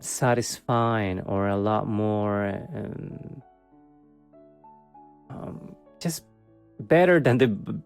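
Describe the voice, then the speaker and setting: A man's voice: mid-range voice, a little mellow, clear, resonant tone. A man giving a casual monthly tarot reading, hesitant and full of fillers, with a wry, sarcastic streak and frequent laughs. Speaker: tarot reader.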